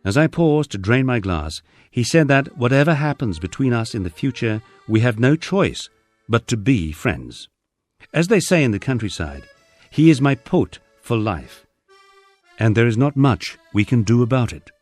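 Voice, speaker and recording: An Englishman narrates his own memoir as an audiobook in first person, wry and storytelling. His medium-pitched, slightly mellow voice swings widely in pitch at a moderate pace, with soft background music.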